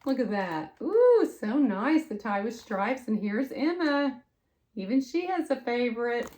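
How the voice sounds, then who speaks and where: A woman's voice: fairly high pitch, a little slow. An older woman, a sweet grandmotherly lady, reading a picture book aloud to children with affectionate, folksy, exclaiming asides. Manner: exclaiming and expressive. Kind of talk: read-aloud storytelling with chatty asides.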